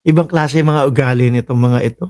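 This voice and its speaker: A man from the Philippines hosting political reaction commentary, sarcastic and animated, scolding the people in the clips and reading out viewer comments. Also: mid-range voice, brisk.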